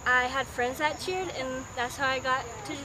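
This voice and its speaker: A woman's voice: high voice, normal speed. A cheerful young woman from North Carolina introducing herself and a teammate outdoors. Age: young adult. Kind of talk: casual interview. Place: outdoors by railroad tracks. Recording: outdoor background noise.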